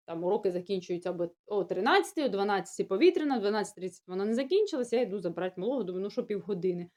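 A woman's voice: mid-range voice, mellow. A young woman with a sore throat, chatting casually to her viewers about everyday matters. She rambles and restarts, sounding puzzled. Her first language is Russian. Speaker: village-life vlogger. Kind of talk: casual talk to camera.

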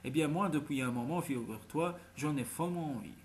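A man's voice: on the high side, a little fast, slight background noise, close to an everyday voice. A man doing a slick scheming crook. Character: scheming male crook, smooth talker.

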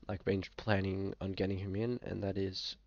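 A young Australian man with a low, gravelly, darkish voice speaks at normal speed in a level tone, sounding a bit sick with occasional coughs. He's a fantasy football vlogger giving casual, hesitant screen-share commentary with plenty of fillers in a small indoor room. The lo-fi audio carries slight background noise.

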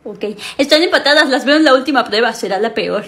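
A woman playing a high-pitched, smug skit hostess. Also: animated, fast talker, a bit bright. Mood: gloating. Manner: smug, mocking, theatrical. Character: spiteful game-show-style hostess tormenting two rival girls. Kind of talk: acted comedy skit.

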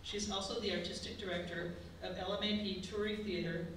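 A woman's voice: medium pitch, steady tone, a little fast, slight background noise. A woman moderating a panel, reading out introductions and posing questions. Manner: reads the introduction, then asks questions. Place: large lecture room, indoors. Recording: echoey room from far off.

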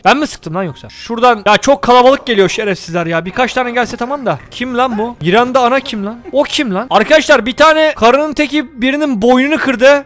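A young man with a Turkish accent giving excitable, joking commentary while playing a game, often shouting at the characters. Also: very high voice. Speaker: gaming YouTuber. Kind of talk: let's play commentary.

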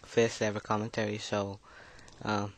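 A man's voice: lowish voice, monotone, a little slow, a little hiss or hum, rough recording. A nervous fifteen-year-old boy giving a casual gameplay commentary, mumbling and hesitant, his speech slightly slurred by braces. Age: teenager, fifteen. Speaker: gaming video creator.

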